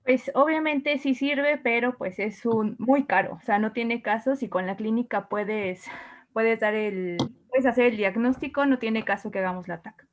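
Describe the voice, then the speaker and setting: A woman's voice: a little high, normal speed, lo-fi sound. A woman in a medical class giving matter-of-fact answers. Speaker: medical student.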